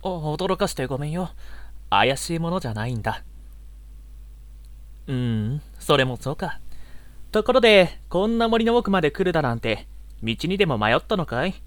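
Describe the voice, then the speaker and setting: A man playing a gentle, easily exasperated young male unicorn in an audio drama role-play, with a polite, boyish, flustered manner. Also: on the high side, very animated, moderate pace, pauses often, no room sound. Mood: friendly, courteous.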